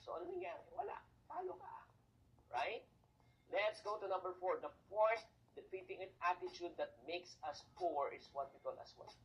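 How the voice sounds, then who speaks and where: Delivered at a moderate pace, this motivational talk comes from a very animated, medium-pitched speaker with a Filipino accent. The speaker mixes Tagalog and English, answers their own rhetorical questions, and keeps checking in conversationally with the listener, all on a low-quality recording.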